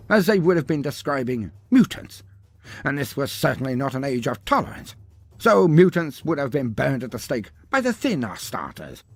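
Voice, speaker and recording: A lore video narrator reads scripted fantasy stories in a theatrical, grandiloquent style, dropping in wry asides. His voice is medium-pitched, and the recording has no echo.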